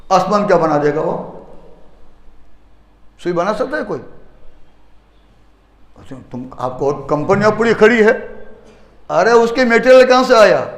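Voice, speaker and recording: A man giving a Friday sermon as a mufti in a mosque, driving points home with rhetorical questions and repeated phrases. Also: sits high. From India. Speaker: mufti preacher. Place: mosque hall. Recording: echoey mosque hall reverb.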